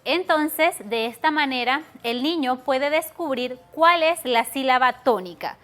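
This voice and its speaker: A woman's voice: high-pitched, lively intonation, measured pace, fairly bright tone, faint music behind. A woman teacher giving a televised class to schoolchildren, explaining patiently step by step and stretching out words.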